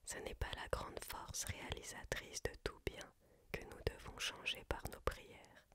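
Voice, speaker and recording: A reader speaks entirely in a hushed library whisper. The delivery is very slow and measured, phrase by phrase, in the manner of an ASMR book reading. The voice stays unvoiced throughout.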